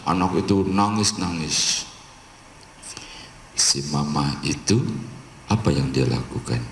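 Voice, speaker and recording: A man's voice: very deep voice, expressive, slow pace, creaky, reverberant, long reverb tail, slight background noise. A male pastor preaching a sermon, telling stories animatedly and acting out the scenes.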